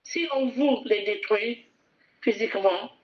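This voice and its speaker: A higher-pitched woman preaches passionately, taking her time as she repeats lines and calls on the congregation to echo her words. The sermon is captured in muffled, low-fidelity sound.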